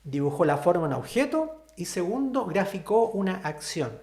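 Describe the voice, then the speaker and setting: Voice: mid-range voice, very animated, normal speed, a little mellow, echoey room. A sign language teacher, patiently explaining ideas to an online class and often checking in with the listeners.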